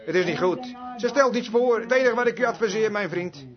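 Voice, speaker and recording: A male preacher telling a story in a sermon, emphatic and swinging between loud and hushed passages. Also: high voice, brisk, crowd noise. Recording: dull lo-fi recording.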